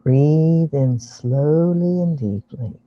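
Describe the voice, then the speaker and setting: A relaxation guide leading a guided meditation in a soothing, unhurried, hushed voice over an online video call, with dull, muffled sound. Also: mid-range voice.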